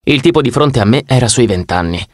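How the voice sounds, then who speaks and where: A male audiobook narrator reads in the first person with a wry storytelling touch. His voice sits at a middle pitch. The studio sound is close and dry. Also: animated, brisk, dry recording.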